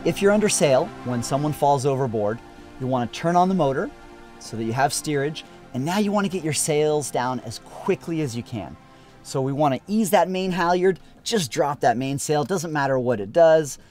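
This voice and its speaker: A man's voice: on the high side, animated, normal speed, darkish tone, soft background music. A man in his thirties, a sailing instructor, giving an upbeat and practical lesson on a sailboat outdoors. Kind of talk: casual instructional talk.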